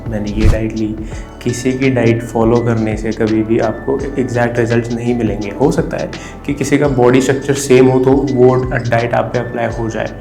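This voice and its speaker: A man's voice: mid-range voice, warm tone. A young man, mixing Hindi and English as he explains his fat-loss diet step by step in a casual vlog. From India. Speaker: fitness vlogger. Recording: roomy with faint music.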